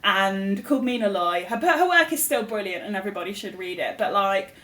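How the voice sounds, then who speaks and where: A woman's voice: mid-range voice, animated, fairly quick, a bit bright. Giggly, chatty young woman. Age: young adult. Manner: giggly, chatty, self-deprecating, lots of fillers. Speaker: podcast co-host. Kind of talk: casual chat.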